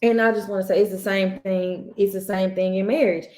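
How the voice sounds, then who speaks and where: A woman's voice: mid-range voice, fairly even intonation, a little fast, a little mellow. A woman co-hosting a podcast, telling a family story about her child in an earnest, casual way, often restarting and circling back to make her point. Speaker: podcast co-host; mother.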